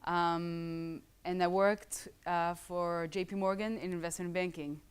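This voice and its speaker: A startup founder in her thirties addresses students live in a casual, joking talk, chatting and throwing in asides. She has an Israeli accent with some English schooling behind it. Her fairly low, clear, resonant voice keeps fairly even intonation at a measured pace.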